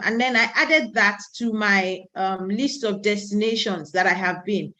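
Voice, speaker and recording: A Nigerian woman in her thirties whose first language is Yoruba delivers a conference presentation, telling it like a story and adding asides. Her voice is on the high side, bright and forceful.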